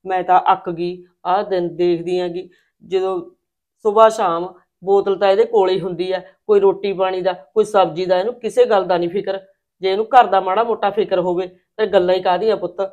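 A woman's voice: on the low side, fairly even intonation, brisk, darkish tone, natural voice. A woman playing a tired, fed-up wife and mother who complains and scolds. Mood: weary. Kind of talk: village short-film acting.

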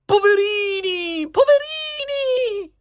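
A man doing a high whiny prankster. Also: sing-song, normal speed, fairly bright tone, slight background noise, heavily acted. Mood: fake crying. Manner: fake sobbing, whiny. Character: clownish young male trickster, prankish.

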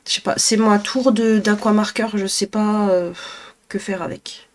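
A woman's voice: medium pitch, steady tone, unhurried, a little mellow. A young woman from northern France chatting at home in a casual vlog, rambling and hesitant with many fillers. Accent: northern French. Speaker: vlogger. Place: apartment at home.

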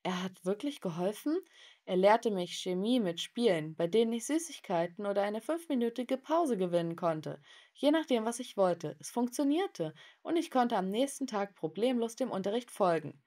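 A woman narrating a scripted, animated first-person story in a lively way. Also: mid-range voice, moderate pace.

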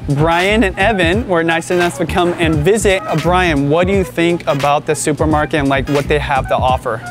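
A man's voice: on the high side, normal speed. Man, thirties, vlog host, enthusiastic, lapel mic, supermarket aisles, music bed. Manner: enthusiastic, animated, talks straight to camera. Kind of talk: upbeat grocery store tour vlog. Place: indoor supermarket aisles, some shots outside.

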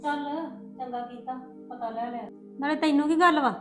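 A stern, suspicious mother-in-law who scolds sharply , played by a woman. Her voice sits fairly high, with faint music beneath. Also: moderate pace, a bit bright. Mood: scolding.

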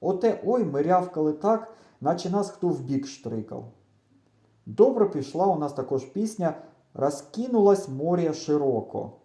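Man narrating an audiobook, dark and lively. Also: on the high side, moderate pace, roomy sound. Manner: storytelling, animated. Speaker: audiobook reader.

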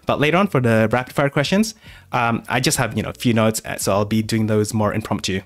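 A man with a lowish voice talks fast while hosting a live Q&A stream for his art channel. A native English speaker, he keeps things casual, with lots of fillers and restarts.

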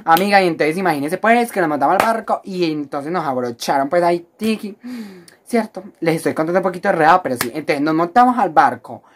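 Low-voiced, dramatic Colombian woman vlogger. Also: animated, quick pace, slight background noise. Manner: dramatic, exaggerated, slangy, chatty to the viewer as a friend. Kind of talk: casual storytime vlog.

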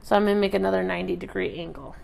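A woman giving a relaxed, chatty step-by-step craft tutorial while she works with her hands at a table indoors. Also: medium pitch, very fast, creaky. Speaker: craft instructor.

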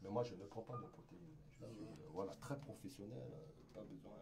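A man's voice: on the low side, a little fast, gravelly, roomy sound, a loud crowd. A man streaming live, ranting in a rambling, insulting way with garbled phrasing. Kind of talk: street livestream rant.

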